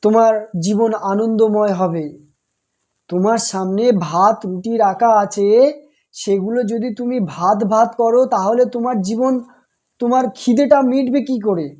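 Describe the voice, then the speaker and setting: A woman speaking in a deliberate monologue, repeating phrases and asking rhetorical questions in a scolding manner. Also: on the high side, a little mellow, dull audio. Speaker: speaker giving a religious commentary.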